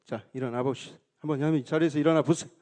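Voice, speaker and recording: A middle-aged male pastor preaching a sermon, telling a story with lively acted-out prayers and cries. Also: fairly high pitch, racing. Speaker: senior pastor.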